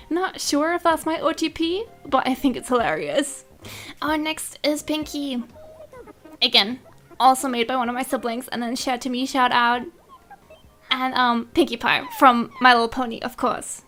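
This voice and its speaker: Young woman gaming vlogger, high voice, giggly and excitable, casual commentary. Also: moderate pace. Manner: bubbly and excitable, giggles often. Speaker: gaming YouTuber.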